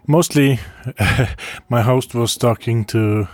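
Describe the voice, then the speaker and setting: A man speaking in a casual first-person travel diary, halting, with frequent pauses and restarts and soft chuckles between phrases. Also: mid-range voice, no room sound. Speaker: traveler recording a video diary.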